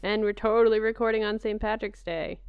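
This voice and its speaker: A woman with a smooth, clear voice, recorded close and dry. She chats casually as a podcast co-host, with an animated, conversational manner. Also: mid-range voice, a little fast, dry recording, muffled recording. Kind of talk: casual chat.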